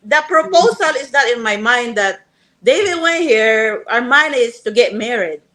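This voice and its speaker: A woman from Cebu with a Filipino accent, a guest telling her story in lively, simple, broken English. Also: fairly high pitch, normal speed. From Philippines (Cebu). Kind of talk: casual storytelling interview.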